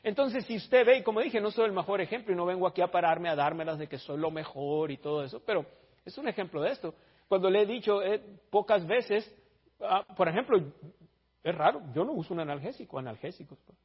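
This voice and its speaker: A man's voice: high voice, animated, fairly quick, breathy edge. A man preaching a blunt, teasing sermon in a church, calling out his congregation, in a dull lo-fi recording. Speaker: pastor.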